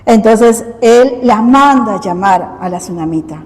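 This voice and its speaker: A woman's voice: mid-range voice, lively intonation, a little slow, darkish tone. A woman with a Peruvian Spanish accent preaching a sermon in a church hall, posing rhetorical questions to the congregation and often restarting her sentences. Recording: long hall reverb.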